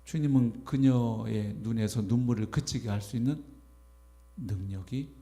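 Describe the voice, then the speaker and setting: A man preaching a sermon as pastor, animated, acting out imagined voices as he goes. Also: mid-range voice, unhurried. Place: church sanctuary.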